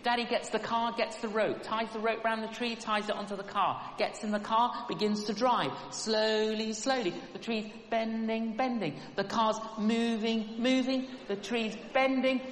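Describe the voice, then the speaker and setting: A man preaches through a story with a lively, rhythmic delivery, repeating phrases for effect. His voice carries through a large hall with a long, rolling echo. Constant background noise sits under it. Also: high-pitched, normal speed, hardly any pauses. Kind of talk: storytelling sermon.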